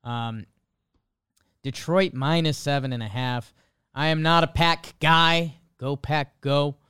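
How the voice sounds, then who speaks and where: A man's voice: fairly high pitch, fairly even intonation, slow, bright, forceful tone, clean tone, no room sound, clean studio sound. A man hosting a sports show in a casual, chatty style. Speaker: sports podcast host. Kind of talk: casual sports betting chat.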